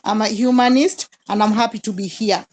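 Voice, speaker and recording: A woman's voice: mid-range voice, steady tone, brisk, darkish tone. A woman from Kenya, a school director, introducing herself in a plain, friendly way.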